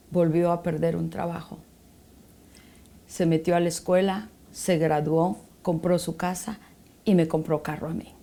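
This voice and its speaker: A woman's voice: on the low side, warm tone. A middle-aged woman giving a personal faith testimony as a guest, telling a story and acting out the dialogue.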